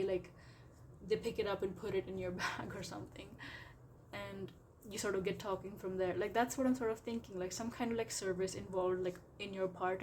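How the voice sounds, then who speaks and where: A woman's voice: medium pitch, darkish tone, slight background noise. A woman giving a casual tarot reading, talking in a rambling, chatty way packed with filler words. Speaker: tarot reader.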